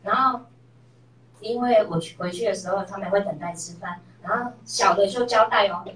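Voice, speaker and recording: A woman's voice: medium pitch, moderate pace. Middle-aged woman telling a story. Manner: animated storytelling, acting out quoted voices. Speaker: class member sharing a story. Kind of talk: personal testimony. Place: classroom. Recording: echoey room, voice from far off.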